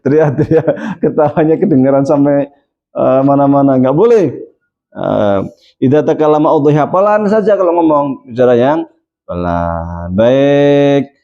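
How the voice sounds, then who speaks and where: A man's voice: mid-range voice, measured pace. Guy giving a lesson on manners, voice swings all over, kinda muffled lo-fi sound. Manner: animated, acts out little quoted scenes. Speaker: Islamic religious teacher. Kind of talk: moral lesson on good manners. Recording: dull lo-fi recording.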